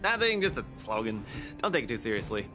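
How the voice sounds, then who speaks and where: An actor playing an eager young male fighter in a game, talking in a showy, energetic way. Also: lowish voice, fast talker. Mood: upbeat. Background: game music.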